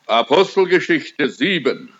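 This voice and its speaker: A man preaching a sermon and leading prayer, slow and emphatic, drawing out his words. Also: a little high, expressive, a bit bright. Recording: dull lo-fi recording.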